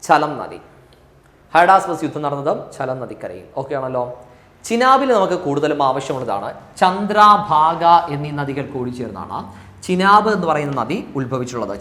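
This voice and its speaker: A male teacher with a Malayali accent giving an exam coaching lecture, repeating key answers slowly for drilling. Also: fairly high pitch, pushed and bright, roomy sound.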